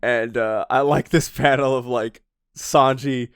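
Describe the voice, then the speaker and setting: A man co-hosting a podcast in casual chat, excitable, laughing often and swearing freely. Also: medium pitch, a little slow, clear, resonant tone, dry recording, studio quality. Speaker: podcast co-host.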